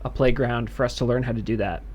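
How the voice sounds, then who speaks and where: A man who develops games, answering viewer questions in a livestream Q&A with thoughtful, halting explanations. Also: mid-range voice, steady tone, darkish tone.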